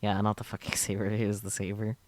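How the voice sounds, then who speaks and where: A man's voice: lowish voice, monotone, fast, a crowd in the background. A man reading a visual novel script aloud as narration, with his own asides, over game music. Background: game music and Japanese voice acting.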